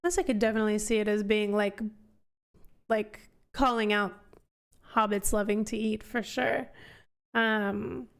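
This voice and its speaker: A woman's voice: medium pitch, steady tone, measured pace, gravelly, long pauses, smooth. A woman hosting a book club live stream, chatting casually and rambling as she answers questions from chat. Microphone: headphones on, desk mic.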